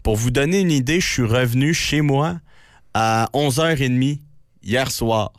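A young man with a deep bass voice and a Québécois accent, chatting casually as a radio news reporter. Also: unhurried, no room sound, clean studio sound.

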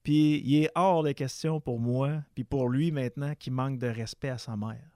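A Québécois man, a father, telling a personal story in a casual discussion, halting and stumbling over words. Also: medium pitch, steady tone, darkish tone, no echo, studio quality. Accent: Québécois French.

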